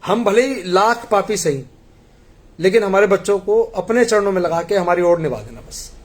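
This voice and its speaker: Earnest high-voiced man pleading with congregation. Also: animated, moderate pace. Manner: earnest, pleading, tells parables. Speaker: devotee addressing the congregation. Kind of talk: devotional appeal.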